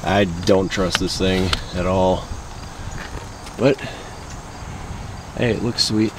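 A man's voice: deep voice, fairly even intonation, slow. A young man walking an overgrown empty lot, talking casually to a handheld camera with loose, rambling "like" fillers. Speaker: vlogger exploring abandoned sites. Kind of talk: casual walk-and-talk narration. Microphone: handheld camera at arm's length. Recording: outdoor camera audio with clear insect noise. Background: insects and distant traffic outdoors.

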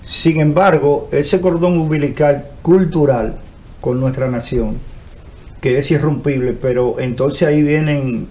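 A man, speaking in a measured, reflective way on a TV panel show, recorded on a desk mic in a studio with faint hiss. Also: fairly high pitch, dark tone. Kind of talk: TV panel discussion. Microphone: desk microphone.

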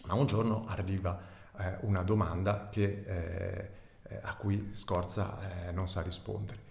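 A man's voice: low-pitched, little pitch movement, measured pace, vocal fry, a little mellow. Give me a hesitant man introducing his novel, in a roomy echo. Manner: hesitant, many filler sounds. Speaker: author. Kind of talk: presenting and reading his novel.

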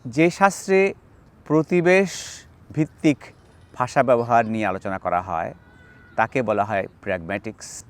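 A man's voice: medium pitch, moderate pace, long pauses. A man from Bangladesh giving an explanatory video lecture on grammar, stressing key terms and walking through spoken examples. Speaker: linguistics lecturer.

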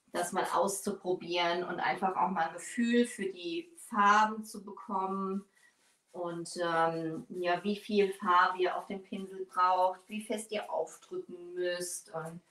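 A woman in her forties, voice low-ish and a bit bright, hosts a live furniture painting tutorial, chatting as she bends over her work at the bench. She's in a small indoor workshop studio, captured far off-mic by a distant camera with no visible mic, so the room sounds echoey.

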